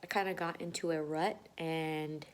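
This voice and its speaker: A woman's voice: low voice, fairly even intonation, moderate pace. A woman chatting casually to camera for a vlog, slangy and offhand, sometimes dropping into half-whispered asides. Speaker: vlogger. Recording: noticeable background noise.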